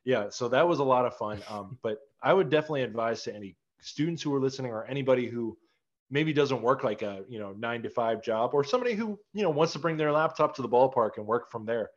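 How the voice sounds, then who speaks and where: A man's voice: mid-range voice, expressive, fast talker. A young man hosting a casual sports chat, rambling loosely with lots of fillers. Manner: laid-back, filler-heavy rambling. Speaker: podcast host. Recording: slightly dull lo-fi audio.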